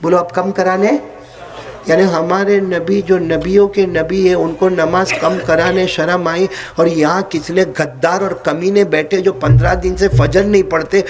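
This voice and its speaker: A man with a Hyderabadi Urdu accent preaching a sermon, joking with the audience and quizzing them for answers at a religious gathering. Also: sits high. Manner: jokey, quizzes and teases the audience. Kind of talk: sermon with call-and-response.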